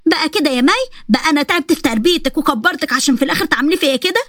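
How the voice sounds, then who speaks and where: A woman's voice: sits high, lively intonation, very fast, a bit bright, no room sound, studio quality. Woman doing a scolding Egyptian mom. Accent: Egyptian Arabic. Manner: nagging and scolding. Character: bossy, scolding Egyptian mother.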